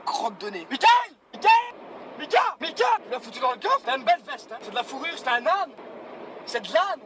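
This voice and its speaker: A man putting on a crude, hot-headed character who swears and yells insults at other drivers, in a moving car. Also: very high-pitched, big pitch swings, fairly quick. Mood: ranting. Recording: car and road noise.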